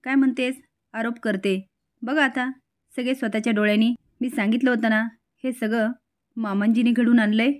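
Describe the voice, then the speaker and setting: A woman's voice: fairly high pitch, fairly even intonation, normal speed, close to an everyday voice. A woman doing a bossy, needling sister-in-law. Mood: triumphant.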